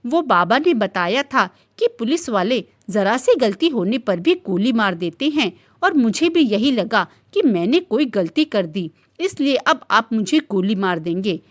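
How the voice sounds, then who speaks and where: A woman's voice: a little high, sing-song, measured pace, hardly any pauses. A woman voicing a timid, innocent young woman who speaks hesitantly and pleadingly in a storybook reading. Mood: fearful.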